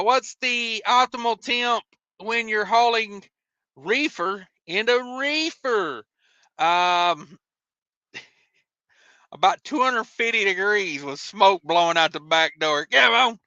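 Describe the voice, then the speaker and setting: Reading off viewer comments on his laid-back livestream, an American trucker replies with rambling, homespun, colloquial chatter. He pitches his voice high, pushed and bright; the audio has no echo but its highs are cut off.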